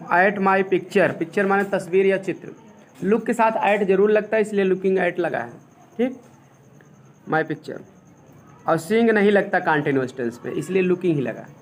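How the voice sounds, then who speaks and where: A male English teacher explaining grammar step by step, asking the class questions and dictating English sentences slowly. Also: high voice. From India. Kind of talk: classroom lesson.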